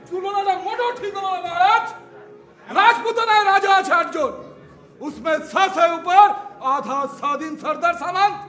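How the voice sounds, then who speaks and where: A man acting a proud, excitable Mughal khan in a historical stage play, declaiming and exclaiming. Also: very high-pitched, normal speed, a faint crowd. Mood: scornful, forceful. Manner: declamatory, exclaiming, mixing Hindi-Urdu into Bengali. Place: theatre stage. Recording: echoey stage hall, faint music.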